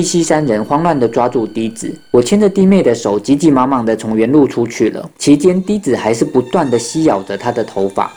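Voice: mid-range voice, warm tone, slight background noise. A storyteller narrating a ghost story and acting out the children's lines in their own voices. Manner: acts out children's voices in dialogue.

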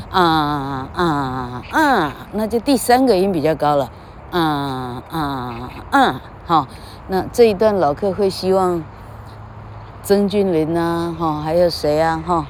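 A woman's voice: lowish voice, darkish tone, slight background noise. A woman giving a comedic mock English lesson, lecturing and singing out long drawn vowels. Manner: lecturing, sings out drawn vowels, tags lines with "哈".

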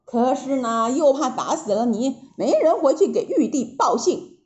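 A woman's voice: high-pitched, expressive, normal speed, darkish tone, muffled recording. A woman voicing a boastful, cheeky male Monkey King with a teasing, mocking manner, in a storybook reading.

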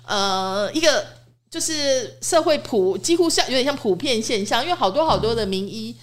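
A woman's voice: a little high, lively intonation, moderate pace. A woman hosting a discussion, chatty with laughing asides and English words mixed in. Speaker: host. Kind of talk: interview discussion.

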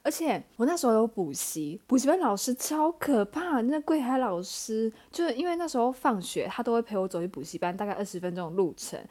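A young woman, hosting a casual solo podcast and telling stories in a chatty, animated way. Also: a little high, quick pace, hardly any pauses. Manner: chatty, animated, acts out her own past lines. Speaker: podcast host.

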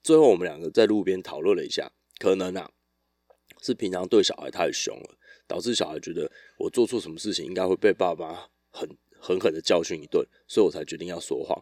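A man, chatting alone on his podcast in a loose, meandering storytelling style. His voice sits very low and is recorded dry and close, with no room sound around it. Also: fast talker, dry recording. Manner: relaxed, rambling storytelling with restarts. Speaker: podcast host. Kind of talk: casual solo podcast chat.

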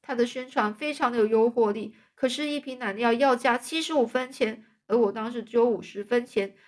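A woman reading a storybook voices a dramatic, chatty orphan girl, pitching her high and emotional. The girl pleads and tumbles through long runs of words, a little fast and lightly acted.

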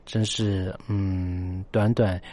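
A man's voice: low-pitched, little pitch movement, extremely slow, warm tone. A man hosting a story-based English lesson, emphatic, often repeating phrases and spelling words out letter by letter. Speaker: English teacher and host.

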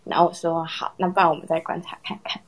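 A young woman casually telling a personal story in a chat with friends, animated and laughing often. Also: fairly low pitch, fast, vocal fry. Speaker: storyteller in a horror story contest.

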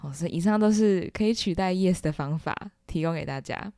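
Lady teacher w/ breaking down lyrics, playful n lively, super dry close sound. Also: on the low side, fairly quick, clear, resonant tone, dry recording. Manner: lively, playful, laughs often. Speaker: English teacher. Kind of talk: explaining song lyrics.

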